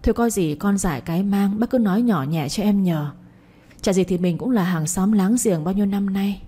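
A woman plays an anxious mother who stammers and tries hard to calm things down. The voice is warm and slightly husky. It is a spoken story told by a single reader. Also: medium pitch, moderate pace, close to an everyday voice. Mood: placating. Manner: stammering, soothing. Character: anxious mother, placating neighbor, pleading daughter.

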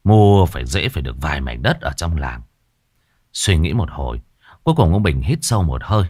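A man narrating a ghost story in a dramatic, expressive way. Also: rumbling low, a little fast, slightly rough, no echo, studio quality.

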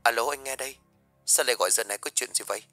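A man voicing a middle-aged man who soothes and reassures in a low, hushed voice. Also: animated, moderate pace, dry recording, soft background music, close to an everyday voice. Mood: puzzled, hushed.

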